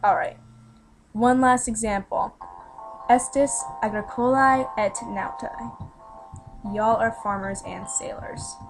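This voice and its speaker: A woman's voice: fairly high pitch, steady tone, takes it slowly, long pauses, rough recording. A teenage girl gives a chatty, step-by-step student lesson. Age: teens. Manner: chatty, explains step by step with fillers. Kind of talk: casual voice-over lesson. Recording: voice-over with music behind.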